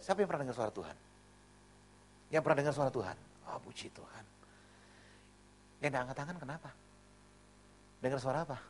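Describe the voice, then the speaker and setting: A middle-aged man from Java, a pastor preaching a sermon with jokes and acted-out voices. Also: medium pitch. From Java, Indonesia. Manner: lively, joking storyteller, acts out voices.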